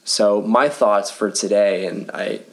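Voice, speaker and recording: A man co-hosting a faith podcast in casual chat, talking quickly and laughing often, recorded in a living room full of pillows. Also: lowish voice, steady tone, vocal fry. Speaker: podcast co-host.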